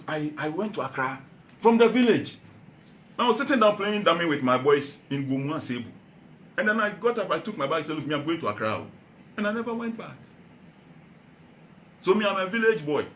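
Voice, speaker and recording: Animated Ghanaian man giving a rousing speech. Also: roomy sound, slight background noise. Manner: animated, swings from loud calls to low earnest tones. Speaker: party founder addressing a meeting.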